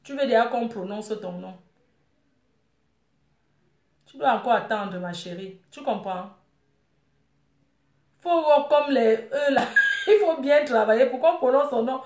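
A woman's voice: on the high side, measured pace, roomy sound. A woman live streaming, reading out viewer comments and scolding her viewers in a rambling, teasing way. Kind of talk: casual live stream chat.

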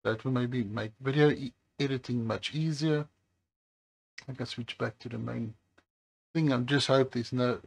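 Slow and relaxed, a low, gravelly-voiced man talks to the camera as he works on phones at a workbench by the highway. His phone repair commentary is full of hesitations.

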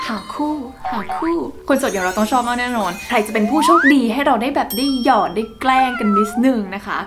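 A woman's voice: on the high side, expressive, fast talker, over loud music. A young woman in her twenties hosting a casual vlog, chatty and playful, laughing often. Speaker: vlog host.

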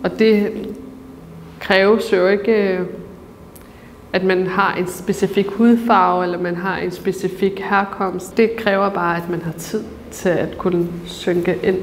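A woman's voice: mid-range voice, fairly even intonation. A woman in her thirties talks earnestly and reflectively, stopping often to find her words. Her mid-range voice is picked up on a lapel mic. A long reverb from the large museum gallery hangs behind her, along with a faint hiss. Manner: earnest, thoughtful, with many pauses and fillers. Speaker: author and debater. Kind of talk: reflective interview.

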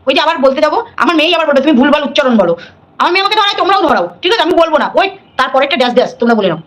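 A middle-aged woman on a live stream, talking at a rapid clip in a high voice. She scolds defiantly and drives her points home by saying them again and again. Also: lively intonation, a bit bright, slight background noise.

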